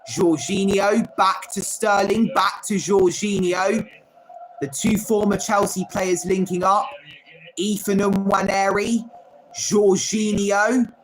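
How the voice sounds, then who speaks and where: This high-voiced man hosts a live football watchalong, naming each player as the ball moves and chatting with viewers in the gaps. The recording quality is low.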